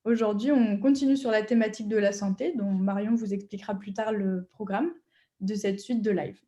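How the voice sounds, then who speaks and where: A woman moderating an online webinar explains the program in a mellow, medium-pitched voice with a steady tone and normal speed. She hesitates frequently and uses many fillers.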